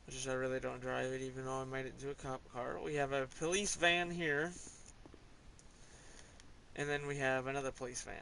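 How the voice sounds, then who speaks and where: A man's voice: medium pitch, level tone, fairly quick, gravelly, bright, forceful tone, slight background noise, poor audio. A man casually talking through his game car collection in a rambling, offhand way, with small hesitations. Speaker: gamer showing his garage. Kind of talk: casual gameplay commentary.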